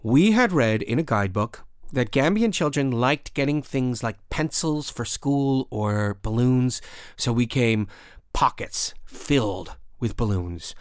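Dry, close-miked male radio storyteller. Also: no echo. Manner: measured, expressive storyteller, lifting his pitch at tense moments. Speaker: radio show host. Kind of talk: first-person storytelling narration.

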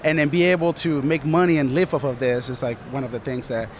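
A man's voice: mid-range voice, steady tone, fast talker, slight background noise. A man from Colombia answering interview questions earnestly, rambling with many "you know"s. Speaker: studio manager, guest.

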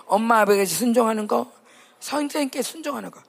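A woman preaching to a youth camp, her voice high and edged with gravelly fry. She speaks emphatically and keeps asking her young listeners questions. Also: fast talker. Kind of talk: sermon.

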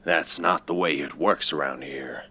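A man leading a comedic group scene, deadpan and teasing, then reassuring. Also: very deep voice, unhurried, slightly rough.

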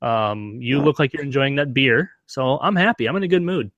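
A man's voice: mid-range voice, moderate pace, a bit bright, dry recording, muffled recording. A man co-hosting a podcast, ribbing his co-host in casual chat. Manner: wry, ribbing.

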